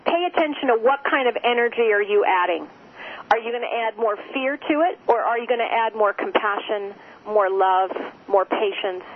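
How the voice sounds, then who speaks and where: A woman heard over the phone as an interview guest, speaking gently and repeating phrases for emphasis. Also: mid-range voice. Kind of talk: spiritual interview talk. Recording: tinny phone line with faint noise.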